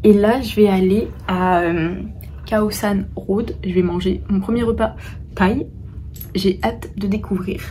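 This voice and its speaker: A woman's voice: medium pitch, fairly even intonation, unhurried, dark tone, slight background noise. A young woman from France chatting informally to camera on a solo trip, with plenty of hesitations. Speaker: travel vlogger. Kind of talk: casual travel vlog talk to camera. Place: outdoors and in small rooms and cafés in a busy city.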